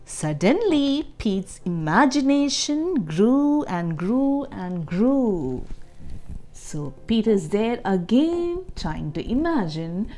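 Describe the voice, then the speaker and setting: A warm-toned woman with a fairly high pitch and big swings in intonation reads a children's storybook aloud as host. She takes her time, reads expressively, and weaves in explanations and questions for young listeners.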